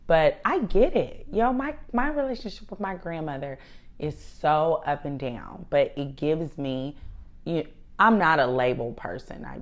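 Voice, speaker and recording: A woman in her thirties co-hosts a casual podcast chat. Her voice sits low, and she tells personal stories in a candid, emphatic way, swearing often. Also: lively intonation, a little slow. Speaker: podcast co-host.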